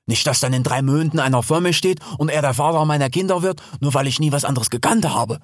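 A man's voice: on the high side, fast, no room sound, studio quality, pitched above the performer's own voice, natural voice. A man voicing a young female wild sow in a storybook reading, chatty and teasing.

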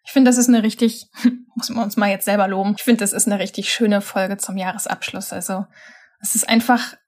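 A woman's voice: mid-range voice, steady tone, fairly quick, a little mellow. A woman co-hosting a podcast, chatting casually and responding to her partner in an agreeing, engaged way. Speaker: podcast co-host.

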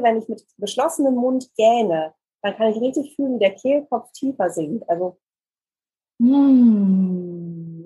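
Breathy woman explaining voice technique. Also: on the high side, poor audio. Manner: calm, explanatory, demonstrates exercises. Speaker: voice coach and news presenter. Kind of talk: explanatory podcast interview.

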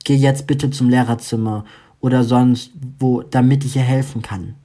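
A man doing a calm, reassuring schoolgirl. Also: medium pitch, moderate pace, close to an everyday voice. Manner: calm, steady instructions.

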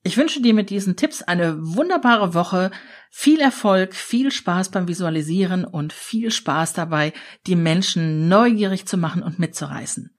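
Her voice is fairly low and her pace normal as this middle-aged German woman, a podcast host and change consultant, coaches her audience through ideas in a lively, direct-address solo episode.

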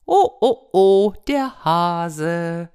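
A woman voicing a jeering group of forest animals in a told fable, loud and mocking. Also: lowish voice, animated, extremely slow, smooth, pitched above the performer's own voice.

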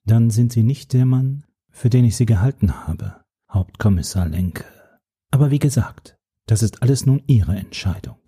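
A man's voice: mid-range voice, expressive, slightly rough. A man voicing a cool, mysterious woman informant. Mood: cool, composed. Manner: measured, composed, quietly menacing.

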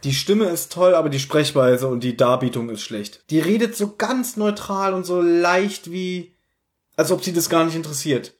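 A man's voice: a little high, moderate pace. A man co-hosting a podcast, chatting casually and jokingly with strong opinions about a radio play. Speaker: podcast co-host.

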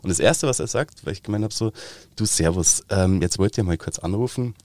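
A man from Upper Bavaria with a Bavarian accent, an actor chatting as an interview guest and telling lively anecdotes with quick dialect impressions. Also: deep voice, dry recording. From Upper Bavaria, Germany. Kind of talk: casual interview chat.

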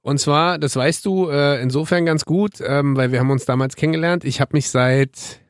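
A man's voice: a little high, moderate pace, no echo. Young man, German accent, rambling casual chat, dry close sound. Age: 20s. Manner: rambling, laughs between words. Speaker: podcast co-host.

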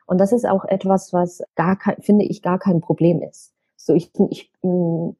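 A woman's voice: lowish voice, fairly even intonation, unhurried, warm tone, slightly rough. A woman from Germany, a travel blogger, talking casually about her trips, thinking aloud with fillers and restarts. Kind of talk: casual podcast conversation.

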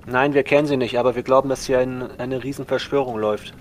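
A male player with a medium-pitched voice speaks in character in a tabletop role-play. There is noise behind him. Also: steady tone, fast.

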